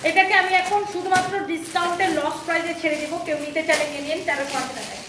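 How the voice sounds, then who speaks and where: A woman selling clothes on a live stream, repeating prices in a quick pitch, her throat sore and strained. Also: roomy sound, recorded from a distance, background noise. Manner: fast repetitive sales pitch, repeats prices. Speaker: online clothing seller.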